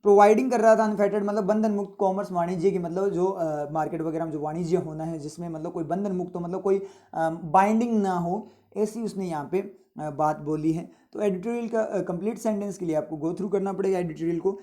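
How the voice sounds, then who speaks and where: A man's voice: sits high, a little fast, dark tone. A man from India teaching vocabulary, explaining words over and over and often checking that students follow. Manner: repetitive explaining with frequent rhetorical checks. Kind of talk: vocabulary lesson with motivational asides.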